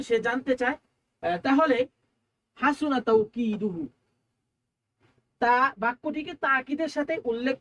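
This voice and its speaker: A woman teacher, giving an exam-prep lecture. She explains each term step by step, puts questions to the listener and answers them herself, and slows to a drawl when reciting phrases. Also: a little high. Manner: explains Arabic terms line by line in Bengali, asks and answers her own questions.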